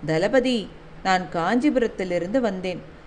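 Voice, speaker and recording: A woman's voice: mid-range voice, a little slow, darkish tone, slight background noise, natural voice. A woman reading a humble young warrior messenger. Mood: polite. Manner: deferential, respectful.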